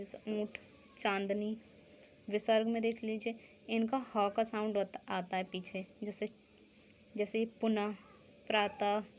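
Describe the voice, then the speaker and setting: A woman's voice: fairly high pitch, darkish tone, slight background noise. A woman teaching a school grammar lesson, explaining step by step, asking questions and answering them herself, checking in often with the class.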